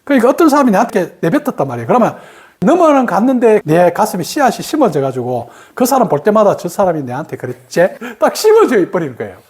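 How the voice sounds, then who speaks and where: Brief: woman meditation teacher, Gyeongsang accent, very animated pitch, mid-range voice, acts out quoted lines. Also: fast. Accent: Gyeongsang Korean. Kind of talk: spoken meditation lesson.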